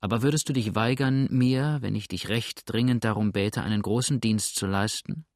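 A man's voice: fairly low pitch, normal speed, no echo, clean studio sound, natural voice. A man reading aloud as an earnest, determined lady who pleads firmly in a storybook. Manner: pleading, firm.

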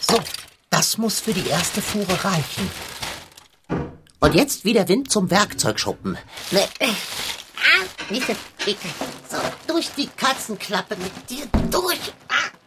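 A woman's voice: medium pitch, sing-song, slow, pauses often, noisy background. Long John, a woman playing a sly pompous tomcat. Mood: scheming. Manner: old-fashioned, theatrical phrasing; wheedling and mock-innocent. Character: sly, pompous male tomcat, plump and scheming. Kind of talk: children's radio play acting.

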